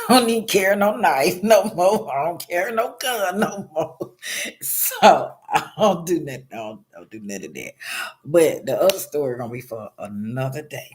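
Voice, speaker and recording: A man's voice: mid-range voice, a bit bright. A man talking casually to his viewers, telling personal stories in loose slang and laughing often. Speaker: vlogger. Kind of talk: casual storytelling monologue to viewers.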